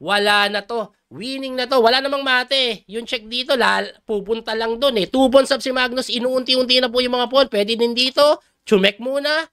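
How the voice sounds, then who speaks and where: A middle-aged chess coach from the Philippines, speaking in a smooth, very high-pitched voice at a moderate pace, gives excitable live commentary and reacts loudly to each move.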